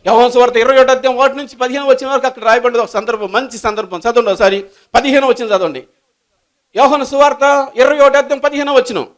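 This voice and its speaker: A man, a pastor, preaching a sermon with rising bursts and repeated calls for praise. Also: fast. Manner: low murmured prayer. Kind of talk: Telugu sermon with prayer.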